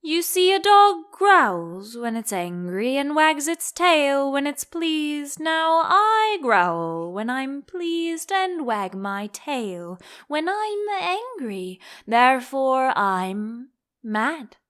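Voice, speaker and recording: A woman voicing a grinning, teasing, calmly mad cat in a storybook, with slow, cryptic delivery. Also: sits high, voice pushed up, heavily acted. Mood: smugly reasoning.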